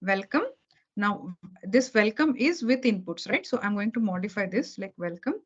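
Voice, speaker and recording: A woman leads a beginner programming lesson over a video call at a normal speed, her mid-range voice expressive and slightly rough. She is patient and repetitive, confirming understanding with "okay" and "right" after almost every sentence. The audio is dull and lo-fi.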